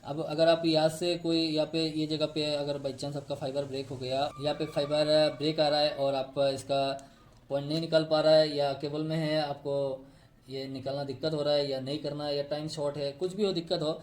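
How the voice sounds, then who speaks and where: A man's voice: fairly high pitch, little pitch movement, fairly quick. A man explaining step by step how fiber optic cables are tapped and connected, pointing to a diagram he drew. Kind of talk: technical tutorial.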